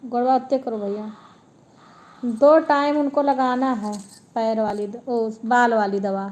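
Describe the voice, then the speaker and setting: Slow, high-voiced homely woman chatting. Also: steady tone, darkish tone. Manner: chatty, homely, repeats herself. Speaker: live-stream host. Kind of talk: casual live-stream chat with viewers. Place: at home, lying down.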